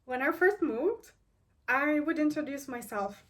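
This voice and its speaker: Speaking in a high, expressive voice at a measured pace, a 23-year-old woman from Turkey reflects casually to camera. The recording is distant, and her earnest musing is peppered with "like" and restarts.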